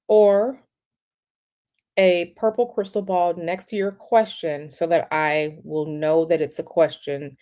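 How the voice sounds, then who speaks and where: A woman with a low, dark voice hosts a tarot livestream while sniffly from a cold. She talks casually, in a halting and repetitive manner peppered with fillers.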